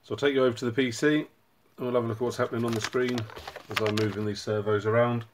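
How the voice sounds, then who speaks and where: A man hosting his own hobby channel, casually walking through a project and explaining it in a relaxed way with frequent ums and uhs. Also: medium pitch, fast talker, noisy background. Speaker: robotics hobbyist channel host.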